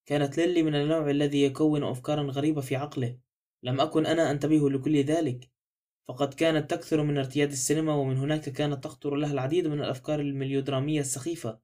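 A man's voice: fairly high pitch, level tone, rapid-fire, mellow, lightly acted. A man voicing an older female housemaid in a spoken novel, who talks on and on and keeps apologizing. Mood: apologetic. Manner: rambling, apologetic.

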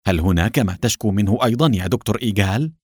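A man reading an audiobook, voicing a calm, clever young male police officer in his own voice. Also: lowish voice, rapid-fire, no echo, studio quality. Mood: polite. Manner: calm and composed.

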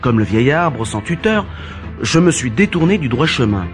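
A bold young gentleman thief, acted by a man, speaks with boastful, lively delivery over storybook music. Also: medium pitch, normal speed, close to an everyday voice. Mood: proud. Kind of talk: storybook dialogue.

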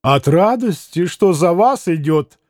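A merry young gentleman with a bright boyish lilt, bubbling over and swinging his voice up high, as a man acts him out. Eager, pressing, full of swings in pitch. Storybook reading, close and dry. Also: lively intonation, slow, no echo. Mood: excited. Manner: eager, bubbling, keeps asking for agreement.

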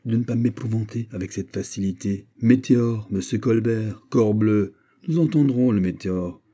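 Haughty minister read by a man; husky, raised voice, indignant declamation. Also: on the low side, normal speed, warm tone, close to an everyday voice. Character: proud haughty male finance minister, imperious. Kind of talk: audiobook character reading.

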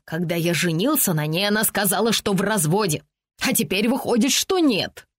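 A woman voicing a blustering, domineering middle-aged man who talks loudly and emphatically in an audiobook. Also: medium pitch, animated, normal speed, breathy edge, dry recording, studio quality. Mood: indignant. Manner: loud, emphatic, tag questions.

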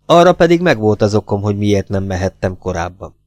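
A man's voice: lowish voice, big pitch swings, no echo, clean studio sound. A man reading an audiobook voices a proud, defensive woman who answers with defiant agitation. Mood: agitated. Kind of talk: audiobook character voice.

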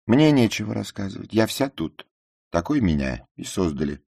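A man's voice: fairly low pitch, big pitch swings, moderate pace, gravelly, darkish tone, dry recording, studio quality, pitched above the performer's own voice, heavily acted. A man reading a story aloud and voicing a proud, touchy young woman in a raised, affected girlish tone. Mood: haughty. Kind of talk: audiobook character voicing.

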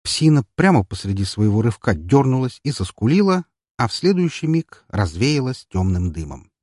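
Low husky guy reading a story, lively intonation, dry close sound. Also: normal speed, no echo. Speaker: audiobook narrator. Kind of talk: first-person audiobook narration.

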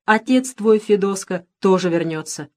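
A woman reading an audiobook and voicing a gentle, grieving old village grandmother who speaks softly in plain folk speech. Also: mid-range voice, moderate pace, close to an everyday voice. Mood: tender, sorrowful. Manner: soft, tender folk speech.

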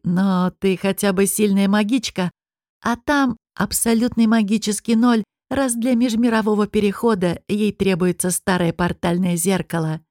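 A woman's voice: medium pitch, steady tone, moderate pace, a little mellow, no echo, studio quality, close to an everyday voice. A woman voicing a gloating, smug male demon noble. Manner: mocking, taunting drawl. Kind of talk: audiobook character reading.

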